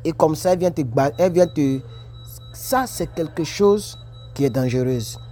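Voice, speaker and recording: On his work break, a man from Ivory Coast reacts to comments in a casual vlog, coming across as animated, repetitive, and preachy. His voice is fairly high at a normal speed, with faint music in the background.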